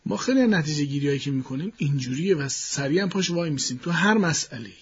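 A man being interviewed as a voice expert in a studio, explaining his views in a measured way and thinking aloud as he goes. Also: on the high side, lively intonation, breathy edge, highs cut off. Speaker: guest voice expert.

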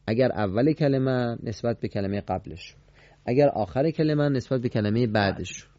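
A man teaching a Quran recitation lesson to a studio class on radio, quizzing the students and repeating their answers with emphatic pitch swings. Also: dark tone, muffled recording.

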